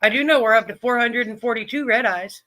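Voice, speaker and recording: A man runs a casual livestream, chatting along and calling out each viewer by name. His voice sits high and rings sharp and bright. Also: fast. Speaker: livestream host.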